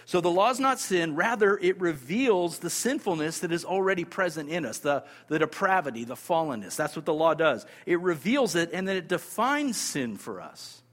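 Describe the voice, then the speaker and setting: A man's voice: fairly high pitch, very animated, normal speed, few pauses, fairly bright tone, big-room sound. A man preaching a sermon, emphatic, repeating key phrases and asking his listeners rhetorical questions. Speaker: pastor.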